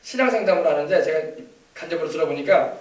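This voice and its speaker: A man's voice: a little high, fast. A male pastor preaching a sermon, exhorting his congregation and prompting them to answer, often repeating phrases for emphasis. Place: church sanctuary. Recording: echoey church hall from far off.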